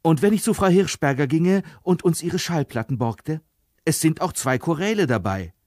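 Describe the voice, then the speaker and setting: A man's voice: fairly high pitch, animated, moderate pace, a little mellow, no echo, voice pushed up, lightly acted. An eager young boy pleads earnestly with his father, keeping his voice hopeful, as a man reads his lines. The sound is dry and close.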